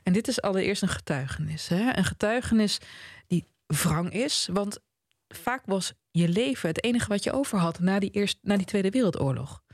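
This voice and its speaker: A man co-hosting a casual book chat, telling the story with animation and reading passages aloud slowly. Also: high voice, dry recording, clean studio sound. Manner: animated storyteller, reads quotes slowly and softly. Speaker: podcast co-host discussing a novel.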